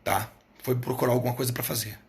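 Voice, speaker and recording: A man's voice: mid-range voice, steady tone, fast, creaky. A middle-aged man hosting a live stream, talking bluntly and emphatically, repeating lines for punch and swearing casually. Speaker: live stream host, therapist coach.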